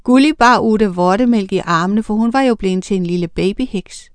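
A woman narrating a children's storybook in a lively, expressive reading voice. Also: medium pitch, dry recording.

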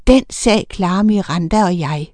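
A woman voicing a bossy witch mother in a storybook reading, giving quick orders. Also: fairly low pitch, expressive, a little mellow, no room sound, close to an everyday voice. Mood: commanding. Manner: quick commanding.

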